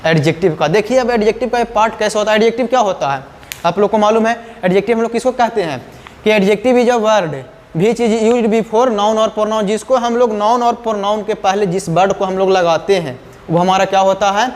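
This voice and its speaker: High-voiced man teaching grammar, echoey. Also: brisk. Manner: repeats and quizzes the listener with questions. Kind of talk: classroom lesson. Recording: long hall reverb.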